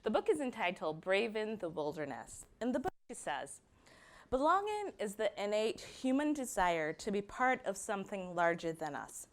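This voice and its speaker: Young Barbadian woman, mid-pitched, delivering a measured prepared talk that leans on key words. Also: very animated. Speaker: speaker giving a talk.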